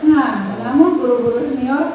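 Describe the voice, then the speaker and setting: A woman's voice: high-pitched, fairly even intonation, moderate pace. A woman in her thirties, a school principal, earnestly explaining her decisions in an interview. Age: 30s. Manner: earnest, explains with examples and quoted dialogue. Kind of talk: interview about school leadership. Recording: echoey room, far from mic, noisy.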